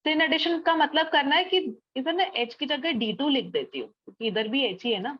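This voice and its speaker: A woman's voice: high voice, lively intonation, normal speed, dull audio. A young woman teaching a chemistry class online, explaining step by step and often checking that students follow. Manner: explains step by step, checks understanding with frequent tag questions.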